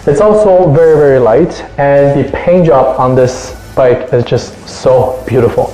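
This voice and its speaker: A man's voice: mid-range voice, a little slow, dark tone. A man hosting a review show, presenting in an upbeat, enthusiastic scripted way. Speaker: host of a bike review show. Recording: roomy echo, faint music.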